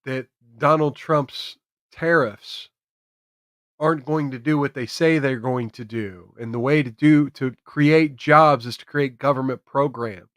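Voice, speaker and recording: An American man hosts a political commentary stream, speaking to camera with strong opinions. His mid-range, slightly bright voice is unhurried yet emphatic, repeating phrases for effect, in clean studio sound with no room echo.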